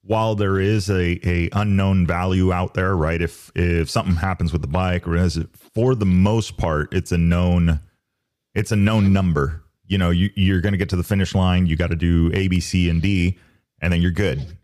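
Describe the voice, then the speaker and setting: A man hosting a podcast, talking casually in a halting way with restarts and fillers. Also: deep voice, steady tone, darkish tone. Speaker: podcast host. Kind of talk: casual conversation.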